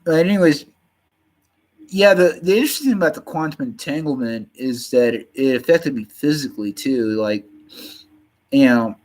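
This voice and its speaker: A man in his fifties with a slight Southern drawl, chatting casually on a livestream in a halting way full of fillers and restarts. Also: medium pitch, expressive, darkish tone, poor audio. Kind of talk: casual rambling chat.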